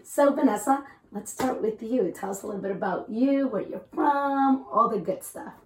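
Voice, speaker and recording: A woman's voice: on the high side, moderate pace, a little mellow. A woman from El Salvador hosting a podcast, talking candidly and conversationally and slipping in Spanish phrases. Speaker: host. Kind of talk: casual podcast chat. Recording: echoey room.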